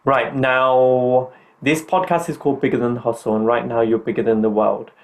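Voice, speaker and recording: A man's voice: mid-range voice, flat delivery, moderate pace. A middle-aged man hosting a podcast, talking in an earnest, upbeat, motivational way. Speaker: podcast host.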